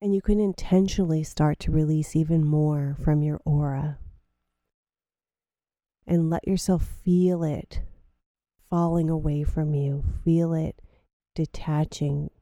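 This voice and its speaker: A woman leading a guided grounding meditation in slow, soothing, drawn-out phrases. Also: low-pitched, steady tone, dark tone, no room sound, studio quality.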